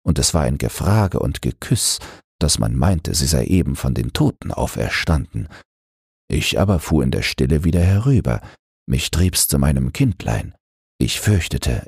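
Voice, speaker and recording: A man's voice: a little mellow, no room sound, studio quality, exaggerated voice. An actor playing a poor, pious river boatman telling his tale in a storybook reading. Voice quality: deep, gravelly.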